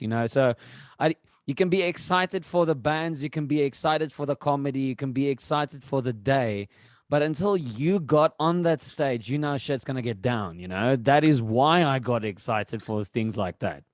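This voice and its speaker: A man's voice: mid-range voice, animated, moderate pace, no room sound. A man hosting a casual podcast interview, eager and repeating himself as he talks. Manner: enthusiastic, repeats words. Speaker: podcast host.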